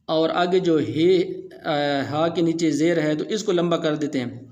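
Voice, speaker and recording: A man teaching Quran recitation rules step by step, explaining plainly and then slowly chanting the example verses. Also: on the high side, darkish tone. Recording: dull, muffled audio.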